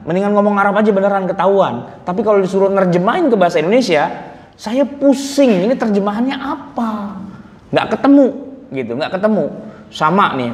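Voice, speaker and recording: A man giving a morning study lecture in a mosque, talking in a casual, joking way to the congregation and acting out the people in his examples. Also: sits high. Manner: conversational and humorous, quotes people in acted voices. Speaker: Islamic preacher. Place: large mosque hall. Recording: echoey mosque hall with faint noise.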